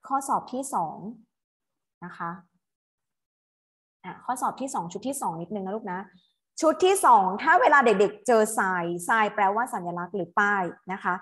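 A woman's voice: medium pitch, lively intonation, normal speed, fairly bright tone. A woman teacher tutoring students through an English exam, patient and coaxing, reading English terms aloud and explaining them.

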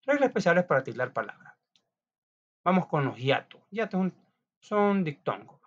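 A man's voice: a little high, big pitch swings, moderate pace. A man teaching a class, reading out notes in a chatty way with frequent restarts and small asides. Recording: dull lo-fi recording.

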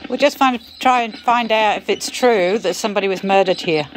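A woman's voice: mid-range voice, brisk, noisy background. A woman presenting a casual ghost hunt as she films outdoors, exclaiming and repeating what she hears. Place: outdoors among open stone ruins.

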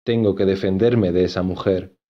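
Man doing lovesick young gent, earnest, keeps repeating himself, low voice, muffled sound. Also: steady tone, normal speed.

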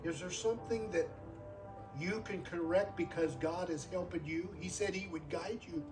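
At normal speed and in a high voice, a sixty-something guest preacher works through an earnest sermon with an altar call at a live service. Repeating phrases for emphasis, he calls out for amens, sounding somewhat distant from the microphone while music plays clearly in the background.

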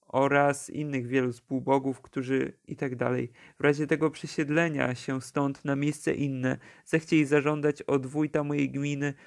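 A man's voice: mid-range voice, creaky. A man reading aloud the farewell letter of a dying young village teacher, written wry and plain.

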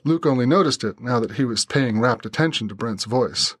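A man reading a novel aloud in steady scripted narration. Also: mid-range voice, a little fast, slightly rough, dry recording, studio quality. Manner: steady storytelling.

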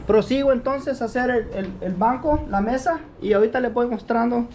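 A man talks through building a workbench outside his shed and explains each step plainly. He keeps checking in with the viewer as he goes. The sound is echoey, with steady noise behind him. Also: extremely high pitch, brisk. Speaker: home repair vlogger. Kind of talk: casual how-to narration. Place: outdoor workshop by a shed.

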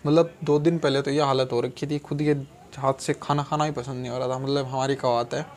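A young man from Rajasthan, India, rambles chattily to his viewers, calling them guys, in a casual vlog filmed on a phone camera without an earphone mic. His voice is fairly high with a darkish tone and a little hiss or hum, and he moves from his home courtyard to a clothing shop.

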